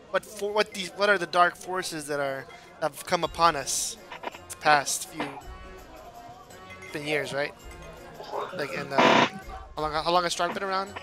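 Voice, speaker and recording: A man's voice: fairly high pitch, rough recording. A man playing a tabletop game, chatting casually and in character, often stumbling and repeating words. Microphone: online group video call.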